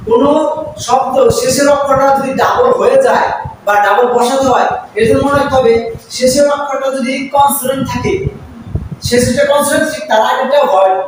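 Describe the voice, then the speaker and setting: High-voiced man teaching in an echoey classroom. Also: fairly even intonation, fairly quick. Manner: explains step by step, keeps asking the class questions. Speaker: English teacher. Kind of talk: classroom grammar lesson. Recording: echoey classroom, distant mic, noisy.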